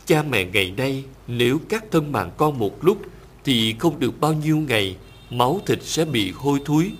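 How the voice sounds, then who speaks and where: A man voicing a devoted, self-sacrificing young prince in a storybook reading, measured and reverent. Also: mid-range voice, lively intonation, close to an everyday voice. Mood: earnest pleading.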